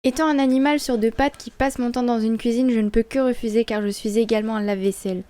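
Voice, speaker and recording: A man's voice: extremely high pitch, fairly even intonation, fast talker, darkish tone, no echo, pitched above the performer's own voice. A man voicing a stiff, formal talking kitchen creature that is also a dishwasher. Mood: prim.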